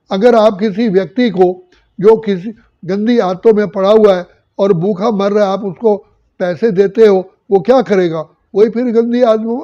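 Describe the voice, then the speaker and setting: An older man, a spiritual teacher, giving a measured discourse that lists virtues one by one. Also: high-pitched, dark tone. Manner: slow measured listing of virtues. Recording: dull lo-fi recording.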